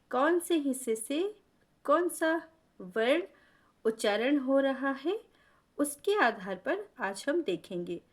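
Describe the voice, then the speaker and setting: A woman teaching a pronunciation lesson in a fairly high, very expressive voice that rises and falls a lot. She speaks slowly and patiently, repeating each vowel sound so learners can copy it. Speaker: Hindi grammar teacher.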